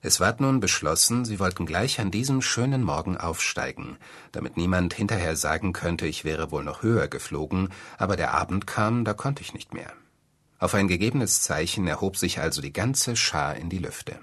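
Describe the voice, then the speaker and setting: Deep husky storyteller man. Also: normal speed. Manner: expressive storytelling. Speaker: narrator. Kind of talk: fairy tale reading.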